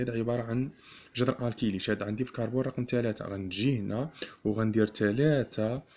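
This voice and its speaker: A man with a Moroccan Arabic accent teaching chemistry, repeating each term slowly and asking the class rhetorical questions. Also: on the low side, dark tone, slight background noise. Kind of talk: classroom lesson explaining notation.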